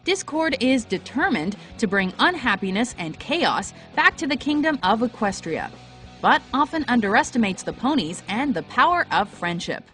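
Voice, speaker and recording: A woman doing scripted countdown narration, lively and wry. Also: a little high, normal speed, soft background music.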